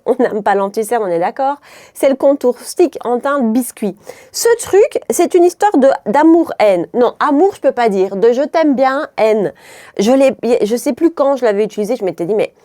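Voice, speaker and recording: A fairly high, mellow voice belongs to a Belgian woman with a mild Brussels lilt, chatting through her makeup routine. She rambles, cuts herself off mid-sentence and laughs easily, recorded close and dry with no room sound. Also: no echo. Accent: Belgian French, mild Brussels. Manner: rambling, self-interrupting, laughs often. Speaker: beauty vlogger.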